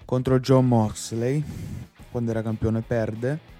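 A man giving opinions as a co-host in a casual chat, hesitant, low-key and resigned. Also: little pitch movement, takes it slowly, mellow. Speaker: podcast co-host. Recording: muffled lo-fi audio with music behind.

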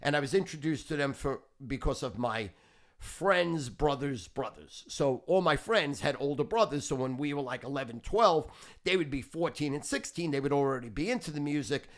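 A man's voice: fairly high pitch, expressive, normal speed. A man in his fifties hosting a podcast, telling rambling, boastful stories full of swearing. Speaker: podcast host. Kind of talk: casual storytelling.

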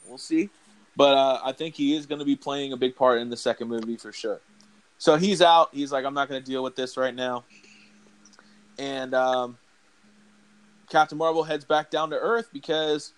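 Casual rambling male podcast host. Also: fairly high pitch. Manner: rambling, many fillers and restarts. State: audible breathing. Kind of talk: casual movie recap.

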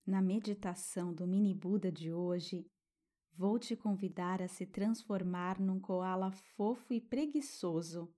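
Slow, soothing Brazilian woman, sleep story narrator. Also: mid-range voice. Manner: gentle, hushed, breathy pauses, tender diminutives. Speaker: children's meditation guide and narrator.

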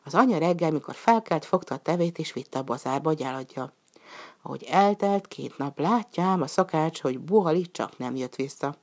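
A woman with a low voice narrates a folk tale at an unhurried storybook pace, and she raises her pitch to voice the characters.

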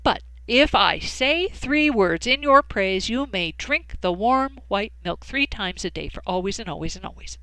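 Give me a clever, confident cave woman from a storybook who teases and bargains, as a woman reading aloud voices her. Her pitch moves in lively leaps. The voice sounds close and dry. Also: unhurried, hardly any pauses, dry recording, poor audio. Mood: bargaining.

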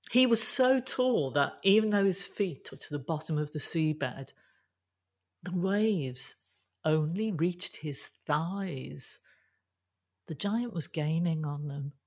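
A woman telling a folk tale aloud, expressive with dramatic pauses. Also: low voice. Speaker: storyteller. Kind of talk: oral folk-tale storytelling.

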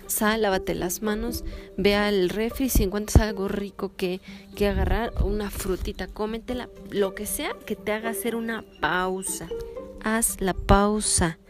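A woman hosting a self-help podcast, giving practical advice in a lively, coaching way and acting out little scenes. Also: mid-range voice, a little slow, music in the background. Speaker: podcast host.

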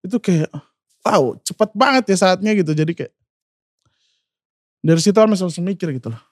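A man in his twenties tells a painful memory in a slightly high, wavering voice, stopping often on fillers. The sound is dry and close. He speaks of himself by name as he goes. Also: expressive, normal speed, no room sound. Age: 20s. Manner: emotional, refers to himself by name, many fillers. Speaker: singer guest. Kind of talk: personal storytelling.

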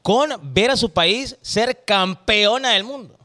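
A man's voice: high-pitched, slow, bright, forceful tone. A man co-hosting a podcast, steering the casual talk with questions. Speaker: podcast co-host. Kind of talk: casual chat.

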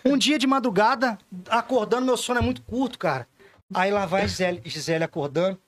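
A man on a podcast as the guest, telling funny stories in a casual, animated way and acting out the voices of the people in them. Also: sits high, fairly quick, dry recording. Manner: animated, acts out voices in anecdotes, says "cara" often. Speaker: podcast guest, store owner. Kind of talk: casual storytelling chat.

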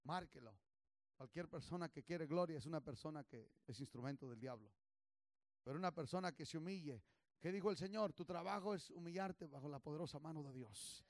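A male pastor preaching a fervent sermon, swinging from low murmurs to shouts, leading call-and-response and slipping into English phrases. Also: fairly quick, no room sound. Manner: call-and-response, urging the congregation to repeat. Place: church service.

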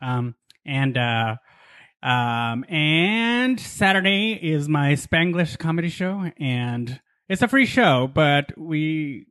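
A man with a loud, projecting voice, chatting casually and jokingly as a podcast co-host. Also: a little high, expressive, slow, dry recording, clean studio sound. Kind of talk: casual comic chat. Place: apartment room with the AC off.

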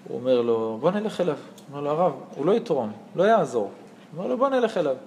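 Animated young man telling stories. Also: fairly high pitch. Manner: animated, acts out dialogue, laughs often. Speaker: Torah teacher. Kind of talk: lively storytelling lesson. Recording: echoey room with faint noise.

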